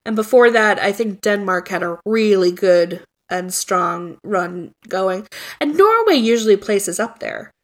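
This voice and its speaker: A woman's voice: medium pitch, animated, a little slow. Chatty woman podcaster, full of ums. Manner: rambling with many fillers and restarts. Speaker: podcast co-host. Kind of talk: casual chat.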